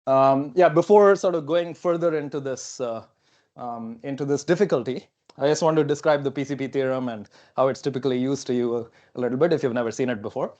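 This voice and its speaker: This young man's voice is medium in pitch and darkish, and he talks a little fast; the recording sounds muffled. English isn't his first language, and he's presenting a technical seminar at a whiteboard in a lecture hall, casually reasoning out loud with many okays and fillers. A clip-on lapel mic picks him up.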